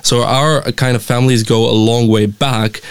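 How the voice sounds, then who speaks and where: A young man from Romania with a Romanian accent, a guest talking in a friendly, halting way with many fillers and restarts. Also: medium pitch, steady tone, clear, resonant tone. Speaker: mission representative, guest. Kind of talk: casual interview chat.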